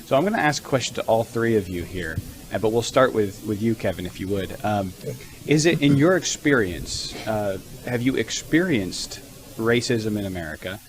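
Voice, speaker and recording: A man's voice: lowish voice, expressive, normal speed. A man hosting a panel discussion who puts questions to his guests. He phrases them hesitantly, restarting as he searches for the right words. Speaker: host.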